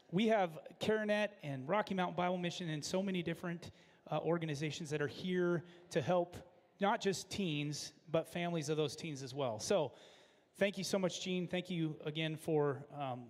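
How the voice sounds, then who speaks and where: A man hosting an event with unscripted announcements, often pausing mid-phrase. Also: fairly high pitch. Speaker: event host. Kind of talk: unscripted announcements at a benefit auction. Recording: echoey hall with long reverb.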